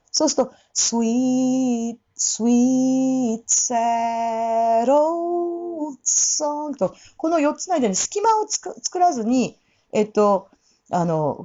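A woman's voice: on the high side, darkish tone, muffled recording. A woman teaching English pronunciation for singing, demonstrating the sounds by repeating words. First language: Japanese. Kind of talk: casual spoken lesson.

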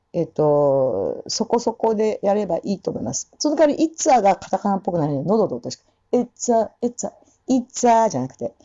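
A woman gives a casual pronunciation lesson for singers, drawing out and repeating each sound as she explains it. Her voice is mellow and moves a lot in pitch. The audio is dull and muffled. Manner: demonstrates sounds slowly, repeating words many times; many fillers, informal explaining. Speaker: English pronunciation teacher for singers. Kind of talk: casual spoken lesson with demonstrations.

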